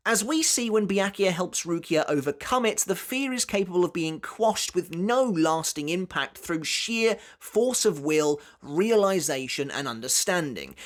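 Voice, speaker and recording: A narrator reading scripted top ten countdown commentary in a dramatic, emphatic way, drawing out key words. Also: medium pitch. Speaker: narrator of a ranked countdown video.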